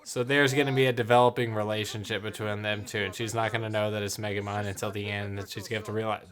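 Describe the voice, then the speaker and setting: A man's voice: lowish voice, little pitch movement, crowd noise. Joking man reacting to a movie. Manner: joking, playful, quick asides. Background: movie soundtrack playing.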